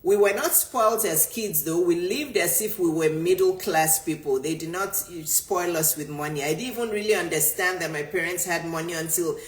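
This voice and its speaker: Answering a viewer, a Nigerian woman in middle age who works as a business coach and speaks Yoruba natively delivers an emphatic motivational talk, driving points home through repetition. She has a lowish voice at normal speed with few pauses, recorded with roomy echo.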